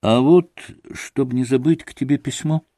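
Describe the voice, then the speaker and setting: A man reading an audiobook, voicing a gentle, timid younger brother who speaks softly and pleadingly. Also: medium pitch, normal speed, dry recording, clean studio sound, pitched above the performer's own voice, close to an everyday voice. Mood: earnest. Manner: soft and pleading.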